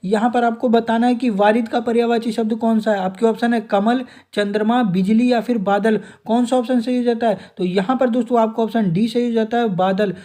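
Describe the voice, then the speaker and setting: Young male tutor, mellow warm tone, brisk quiz-style revision delivery. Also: very high-pitched, steady tone. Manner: calls the listener "दोस्तों" often, reads options then gives answer. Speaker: exam prep teacher.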